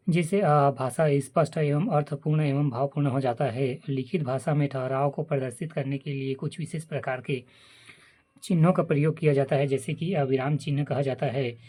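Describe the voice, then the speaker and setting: A man from reading a grammar chapter aloud in a halting way, with many filler sounds and restarts. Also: a little high, a little mellow. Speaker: teacher reading a grammar book.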